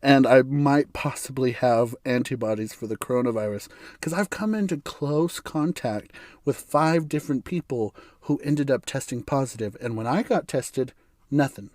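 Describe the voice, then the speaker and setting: This middle-pitched American man sounds hoarse and raspy from bronchitis as he hosts a casual solo podcast, rambling opinionatedly, chuckling, and frequently restarting sentences. His delivery is moderately paced and a little mellow. The recording is close and dry, with little room sound and no echo.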